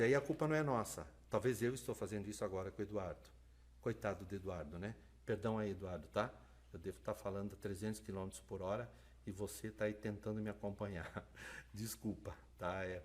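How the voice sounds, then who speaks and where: Fast-talking man lecturing. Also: on the low side. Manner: lively, talks fast, asks "né?" and "tá?". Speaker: lecturer on sign language interpreting. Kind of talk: live online lecture.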